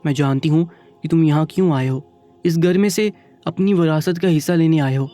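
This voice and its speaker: A man voicing a proud, bitter young widowed mother in a storybook reading, with sharp, scornful retorts. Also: a little high, soft background music, natural voice.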